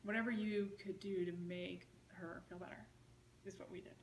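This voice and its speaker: A woman's voice: lowish voice, fairly even intonation, normal speed. A woman being interviewed, telling a long story in a casual, rambling way full of "like" and "you know.". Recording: roomy with faint noise.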